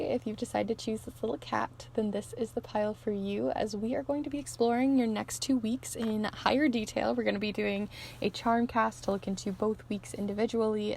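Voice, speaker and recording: Her voice a little high, creaky, and slightly mellow, the host chats encouragingly through a casual tarot and charm pick-a-card reading for viewers, her voice wearing out. Slight background noise can be heard.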